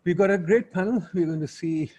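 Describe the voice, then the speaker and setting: A man's voice: sits high, a little fast, a little mellow. A man with a Pakistani accent hosting an online webinar in an informal, blunt way, with Urdu asides. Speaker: webinar host and moderator. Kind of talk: informal spoken webinar introduction.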